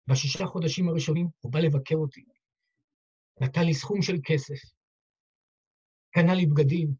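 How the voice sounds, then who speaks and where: A man's voice: fairly high pitch, warm tone, husky. A man, a rabbi, telling a heartfelt story in a dramatic sermon style, acting out the dialogue. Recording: dull lo-fi recording.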